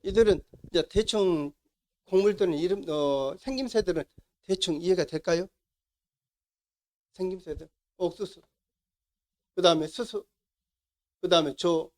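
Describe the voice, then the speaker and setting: A middle-aged man with a Jeolla Korean accent lectures to a class, his voice sitting a little high for a man. He keeps asking the room questions and then answering them himself, as an instructor walking students through the material. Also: measured pace, long pauses, darkish tone.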